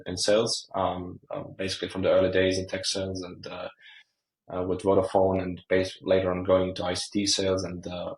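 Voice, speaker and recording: A middle-aged man from Croatia, a startup founder, answering interview questions in a halting way with many fillers. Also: low voice, reverberant, poor audio.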